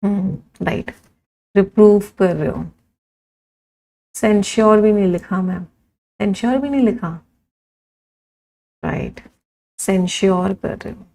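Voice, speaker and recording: Brief: young Indian female teacher, steady synonym drills, slow careful dictation. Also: mid-range voice. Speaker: English vocabulary teacher. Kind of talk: live online vocabulary lesson.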